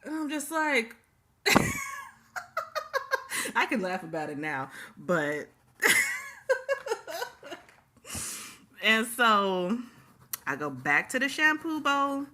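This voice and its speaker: A woman's voice: medium pitch, bright, forceful tone. A woman vlogger telling a personal story straight to her viewers, casual and emphatic, repeating key phrases for effect. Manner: talks straight to the audience.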